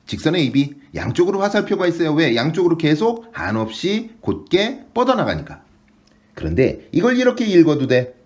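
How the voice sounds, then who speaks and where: A man teaching a math lesson online, asking short questions and answering them himself. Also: on the high side. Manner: quick question-and-answer explaining.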